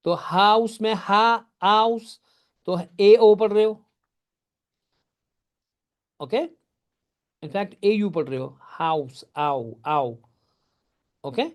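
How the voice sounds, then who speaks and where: High-voiced male teacher explaining phonetics. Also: takes it slowly, pauses often. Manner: addresses students by name and answers their typed questions. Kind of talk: live online class lecture.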